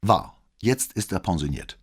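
A man's voice: sits low, expressive, unhurried, slightly rough, full character voice. A man voicing an arrogant young male military cadet, haughty and curt, in an audiobook reading.

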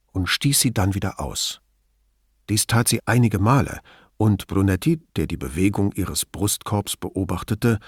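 A man narrating an audiobook in a measured, somber storytelling manner. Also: fairly low pitch, gravelly, slightly rough, no room sound, studio quality.

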